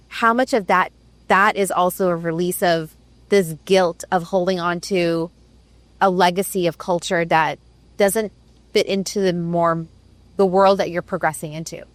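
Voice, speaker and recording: Woman host, reflective chat, filler-heavy, middle pitch, dry room. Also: no echo. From Middle East. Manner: thoughtful, many fillers like "right" and "like". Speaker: podcast host. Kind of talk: reflective conversation.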